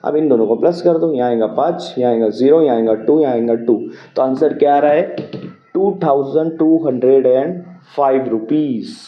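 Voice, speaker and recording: A man's voice: medium pitch, moderate pace. A man teaching a maths lesson, patiently working through a problem step by step, often asking a question and answering it himself. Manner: patient, repeats key steps, asks and answers own questions. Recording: roomy, dull lo-fi sound.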